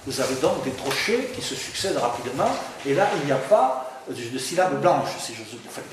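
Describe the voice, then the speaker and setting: A man's voice: medium pitch, very animated, fairly quick. A man giving an academic lecture, talking to a class in a hesitant way with stammered restarts and repeated words. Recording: very echoey room, faint background noise.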